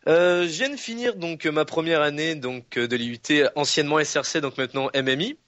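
Young male guest, mid pitch, laid-back and halting, dull dry call audio. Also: a bit bright, dry recording. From France. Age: young adult. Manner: hesitant, many fillers, laid-back. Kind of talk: casual chat over a call.

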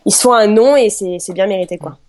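A woman's voice: mid-range voice, fast, a little mellow, a little hiss or hum. A woman talking as a guest on a music chat show, giving hesitant, brief answers. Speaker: guest panelist. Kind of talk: casual chat.

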